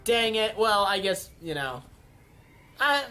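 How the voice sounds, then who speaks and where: A man giving casual, jokey commentary on a game simulation, often yelling at events and laughing. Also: sits high, very animated, slow pace, faint music behind. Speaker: YouTube gaming commentator.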